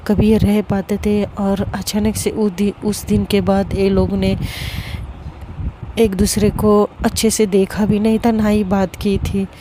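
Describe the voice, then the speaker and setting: A young woman narrating a serialized story in a slow, deliberate way, often stumbling and restarting words. Her tone is mellow and darkish. Faint background noise sits behind her voice. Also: mid-range voice.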